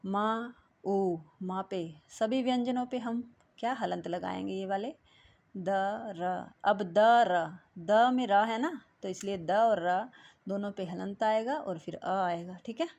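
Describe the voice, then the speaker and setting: A woman teacher patiently working through a children's textbook exercise, often pausing to check in with her class. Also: medium pitch, darkish tone. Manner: patient, repeats "ठीक है" between steps.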